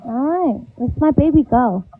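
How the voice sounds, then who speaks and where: A woman's voice: high-pitched, animated, measured pace. A woman talking bluntly and swearing in a casual group chat on a live stream, her voice muffled by a covered mic, as if heard through a wall. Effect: muffled, as if heard through a wall or underwater. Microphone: covered microphone. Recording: muffled phone-like sound.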